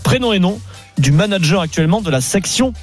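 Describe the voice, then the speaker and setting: A man's voice: high-pitched, animated, a little fast, faint music behind. A man hosting a sports quiz on a radio talk show, teasing his co-hosts as he fires questions. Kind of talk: lively radio banter. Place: radio studio.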